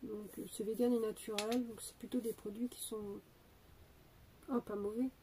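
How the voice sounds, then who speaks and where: Unboxing a beauty advent calendar, a young woman with a stuffy, cold-affected voice talks informally, stumbling through fillers and restarts. Her voice is mid-range and warm with little pitch movement at a normal speed, on a low-quality recording with slight background noise.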